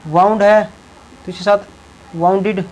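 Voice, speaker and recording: Young male teacher with a high voice who repeats key words and keeps checking in with the class. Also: fairly even intonation, unhurried, a little mellow, poor audio. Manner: repeats words and tags lines with a check-in phrase. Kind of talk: classroom lesson explaining English verbs in Hindi.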